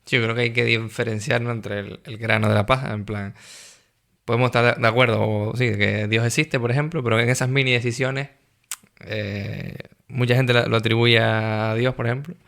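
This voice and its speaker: A man's voice: medium pitch, steady tone, moderate pace, vocal fry, a bit bright. A young man hosting an interview, talking in a casual, hesitant way with frequent restarts and tag questions. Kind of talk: conversational interview.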